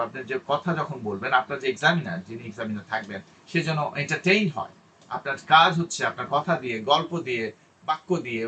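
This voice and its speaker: A man teaching an online class, his voice bright and forceful. He explains eagerly and acts out example sentences slowly, swooping his pitch up and down. He sits a little back from the mic, with a faint hiss behind him. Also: distant mic, low-quality recording. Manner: animated, models English phrases slowly with exaggerated intonation. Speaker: IELTS teacher.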